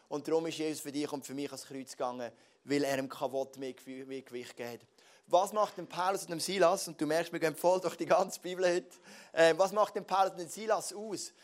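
A middle-aged pastor with a Swiss German accent preaches in a fairly high voice. He moves from loud, pressing lines to soft, low asides. His delivery is a casual church sermon. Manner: emphatic preaching with sudden loud and soft swings.

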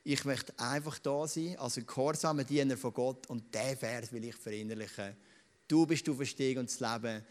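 A man with a Swiss German accent preaching a sermon in a church, earnest and pausing often with fillers. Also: medium pitch. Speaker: pastor. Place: church hall with a live audience. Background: band playing softly.

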